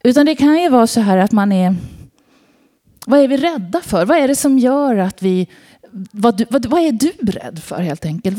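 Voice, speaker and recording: A woman's voice: on the high side, mellow. A woman from Sweden giving an informal sermon, telling personal stories and asking the congregation questions. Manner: conversational, asks the audience questions. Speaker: preacher.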